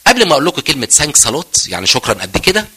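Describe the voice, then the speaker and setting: A middle-aged man with an Egyptian accent giving a joking, lively talk to medical students, asking and answering his own questions. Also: fairly high pitch, racing, husky. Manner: joking, mixes English terms, asks and answers himself. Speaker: physiology professor giving a talk.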